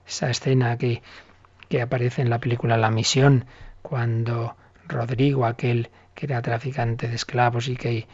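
A man's voice: medium pitch, moderate pace. A man, a priest giving a catechism lesson and acting out short dialogues as he explains. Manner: animated storytelling, acts out little dialogues. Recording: dull lo-fi recording.

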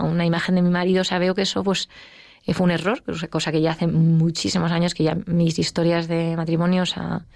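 A middle-aged woman with a Spanish accent, telling her personal story as an interview guest, emotional and quick. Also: fairly low pitch, darkish tone, no room sound. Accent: Spain. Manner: fast, emotional storytelling with acted quotes. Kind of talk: personal testimony in conversation.

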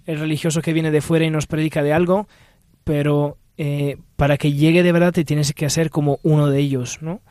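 A man's voice: on the high side, a little mellow, no echo, studio quality. A man from Italy speaking Spanish, a religious guest on radio, thinking aloud and searching for his words.

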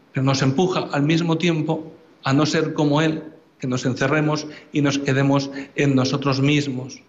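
Priest with cathedral echo. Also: male voice, a little high. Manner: solemn, measured delivery. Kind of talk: sermon and Mass prayers. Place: large church. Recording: echoey church, dull sound.

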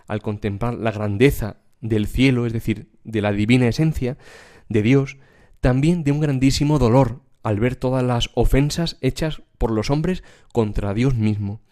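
Guy giving a sermon, earnest and emphatic, soft dark voice. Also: medium pitch, a little slow. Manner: earnest, emphatic preaching cadence. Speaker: preacher. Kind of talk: sermon with spiritual reading.

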